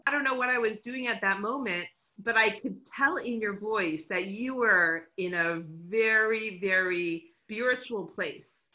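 A woman's voice: medium pitch, unhurried, few pauses, sharp tone, highs cut off. A woman hosting a conversation, reflective and encouraging toward her guest. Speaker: host. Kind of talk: casual chat.

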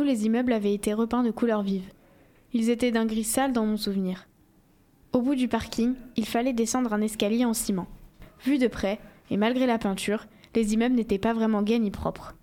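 A woman reading a first-person novel aloud in a steady, measured storytelling voice. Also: on the high side. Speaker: audiobook reader.

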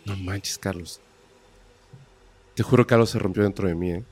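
A man's voice: sits low, moderate pace, darkish tone, slightly rough. A man, a podcast host reacting in short, shaken and sincere remarks. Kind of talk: casual podcast conversation.

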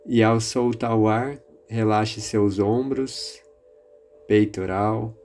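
A man with a Brazilian accent leading a guided meditation in a calm, soothing, measured manner. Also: on the low side. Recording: music behind the voice. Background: music.

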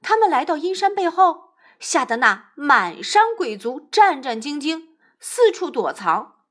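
A woman narrating a classic tale in a lively, expressive storybook reading. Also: high-pitched, measured pace.

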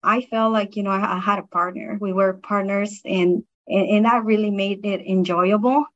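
A middle-aged woman, a science manager in the produce industry whose first language isn't English, speaks with a non-native accent as a reflective interview guest, sounding earnest and appreciative. She uses a medium pitch and fairly even intonation at normal speed, and the audio is dull.

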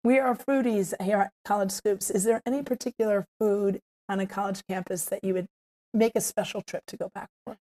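A woman hosting a conversational interview, her voice hoarse and worn nearly out. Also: medium pitch, steady tone, fairly quick, dark tone. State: hoarse, voice nearly lost from travel. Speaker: podcast host.

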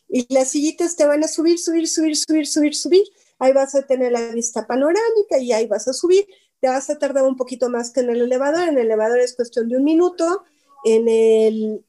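A woman's voice: high voice, warm tone. A woman giving an informal talk to a small group, chatty, often asking her listeners questions and repeating words for emphasis. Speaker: workshop speaker.

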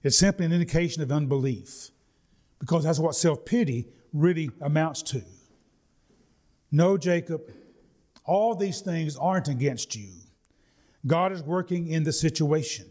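A man preaching a sermon, reading scripture and telling folksy stories with slow, deliberate emphasis. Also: fairly high pitch, a little mellow.

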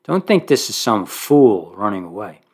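A man's voice: on the low side, sing-song, moderate pace, slightly rough. A man preaching a sermon, reading verses aloud and then explaining them in plain conversational asides, rising in force on key points. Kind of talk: expository sermon on scripture.

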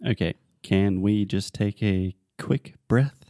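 Low, mellow-voiced male podcast co-host. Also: slow pace, no room sound, studio quality. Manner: explanatory, teacherly. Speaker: podcast co-host and English tutor. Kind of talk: casual podcast chat explaining English phrases.

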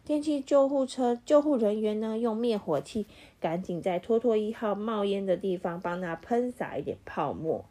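A mother's medium-pitched voice moves at a moderate pace through a picture-book read-aloud for her child at home. Animated throughout, she performs the sound effects and pauses to ask the child questions.

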